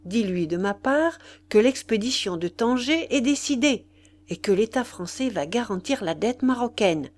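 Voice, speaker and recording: A woman's voice: on the high side, animated, moderate pace. A woman reading aloud, voicing a scheming young man who confides a secret and later pleads with his mistress. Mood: confiding. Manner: confiding, then flustered and pleading.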